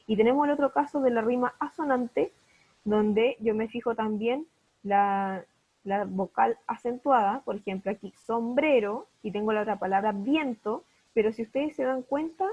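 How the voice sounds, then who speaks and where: A primary school teacher leads an online class over video call, patiently questioning her pupils to make sure they're following. Her voice is somewhat high and slightly husky, and the audio sounds dull and lo-fi.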